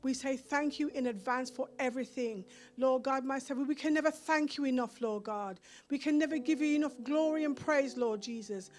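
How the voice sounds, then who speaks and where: A woman's voice: high-pitched, normal speed, few pauses. A woman minister leading a fervent, repetitive closing prayer on a church stage, speaking into a handheld mic. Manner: fervent, repetitive praying, rising in intensity.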